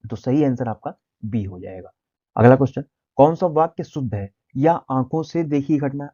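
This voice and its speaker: A man's voice: mid-range voice, dark tone, highs cut off. A man teaching an exam-prep language lesson, reading out answer options one by one and then explaining which is correct.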